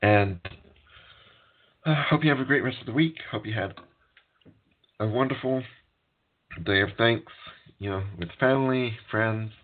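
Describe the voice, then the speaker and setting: A man hosting a podcast, closing the show casually in a relaxed, rambling way full of fillers. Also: lowish voice, phone-quality sound, a little hiss or hum. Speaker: podcast host.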